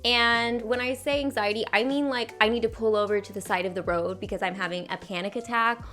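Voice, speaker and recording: A woman's voice: a little high, fairly even intonation, brisk, a bit bright, soft background music. A young woman vlogger talking casually to camera about books she has read, often saying "like". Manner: chatty, frequent "like" fillers.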